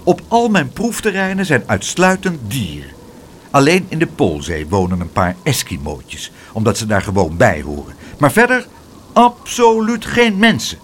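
A man's voice: medium pitch, huge pitch swings, normal speed, fairly bright tone, slight background noise. Man doing a grumpy weather-experiment man. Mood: cross. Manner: peevish and scolding. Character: fussy grumpy grown man who runs weather experiments.

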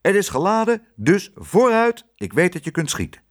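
A man's voice: high voice, sing-song, moderate pace, voice pushed up. A man playing a greedy, blustering restaurant boss. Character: greedy hot-tempered male restaurant boss.

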